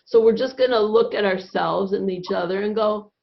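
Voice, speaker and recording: A woman's voice: medium pitch, moderate pace, gravelly. A woman teaching laughter yoga over a video call, upbeat and encouraging, often breaking into laughter as she guides the group. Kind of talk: guiding a group laughter session. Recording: dull lo-fi video call audio. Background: group of participants laughing and cheering.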